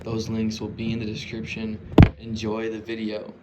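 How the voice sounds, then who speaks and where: A young man introduces his video casually in a slightly low voice with very little pitch movement. Background noise is clearly audible behind him. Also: completely flat delivery, normal speed. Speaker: video creator.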